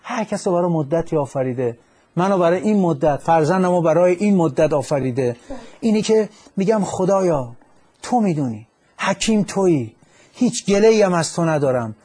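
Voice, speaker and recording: A male psychologist on a radio call-in show, speaking in a calm, instructive way and now and then quoting verse. His voice is slightly higher than most men's and has a husky grain.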